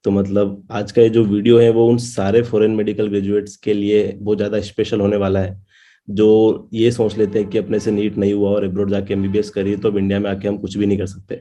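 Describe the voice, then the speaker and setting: A man's voice: on the low side, monotone, a little fast, mellow. A young man in his twenties from India, hosting a casual interview in an easygoing, affirming way. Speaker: host.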